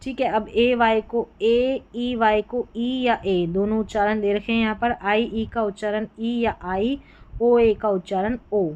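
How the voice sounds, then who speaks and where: A woman's voice: a little high, fairly even intonation, a little slow, a little mellow, highs cut off. A woman teaching an English reading lesson, patiently spelling out letter groups and then sounding out each word. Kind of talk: classroom-style phonics lesson.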